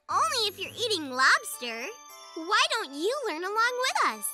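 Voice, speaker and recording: Strawberry Shortcake, a sweet, high-voiced cartoon girl. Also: wildly swooping pitch, unhurried, over loud music, exaggerated voice. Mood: gentle. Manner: gentle, instructive and sweet. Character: kind, patient girl who teaches good manners. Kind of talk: children's cartoon voice acting.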